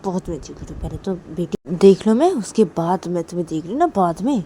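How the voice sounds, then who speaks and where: A woman's voice: fairly low pitch, lively intonation, fast, a little hiss or hum, natural voice. A woman voicing an angry young mother who scolds her child harshly. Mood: angry, scolding. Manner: sharp, scolding interrogation.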